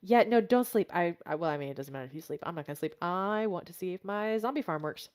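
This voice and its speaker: Lowish-voiced woman, playful streamer banter. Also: animated, fast, a little mellow. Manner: playful, teasing. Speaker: livestream gamer. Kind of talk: casual gaming chat.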